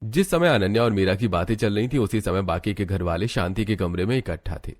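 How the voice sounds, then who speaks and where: A man narrating a cartoon story in a steady, plain storytelling manner. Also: fairly low pitch, a little fast.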